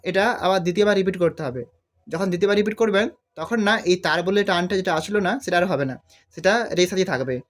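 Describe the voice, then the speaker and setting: A man teaching a devotional song on harmonium, explaining the notes step by step and singing drawn-out phrases. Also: sits high. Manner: explains slowly, then sings drawn-out phrases. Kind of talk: step-by-step music tutorial. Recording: harmonium loud under the voice.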